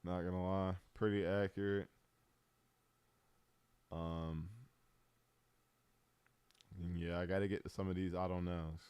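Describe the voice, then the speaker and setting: Male streamer, relaxed rambling delivery, very deep and smooth, dry close mic. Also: slow, long pauses, no room sound. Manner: laid-back, rambling, frequent "um" and slang. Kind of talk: casual tier-list commentary.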